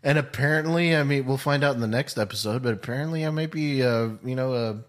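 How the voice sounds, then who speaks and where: A man's voice: mid-range voice, fast. A man co-hosting a podcast, joking and laughing as he reviews TV episodes. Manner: animated, jokey, laughs a lot. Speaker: podcast co-host. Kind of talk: casual chat reviewing TV episodes.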